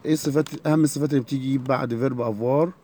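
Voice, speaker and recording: An Egyptian-accented man teaches a French lesson to schoolchildren. He drills every verb form slowly and says it again and again. His pitch sits mid-range for a man. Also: steady tone, dark tone, a little hiss or hum. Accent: Egyptian Arabic. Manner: slow, repeated drilling of words. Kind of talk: classroom lesson.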